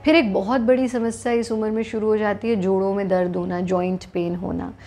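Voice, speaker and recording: A woman with an Indian accent, a yoga teacher giving calm, measured guided instruction. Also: mid-range voice.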